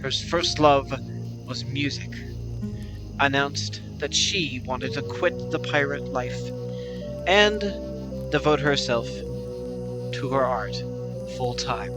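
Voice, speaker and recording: A man putting on a grand epic-announcer voice to narrate a pirate legend like a storybook, slow and theatrical. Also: medium pitch, close to an everyday voice. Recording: clear music behind the voice.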